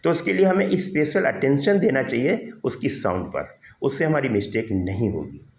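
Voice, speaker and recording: A man's voice: medium pitch, expressive, moderate pace. A male English teacher giving a grammar lesson, explaining step by step and asking his students questions that he then answers himself. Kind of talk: classroom grammar lesson in Hindi. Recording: roomy echo.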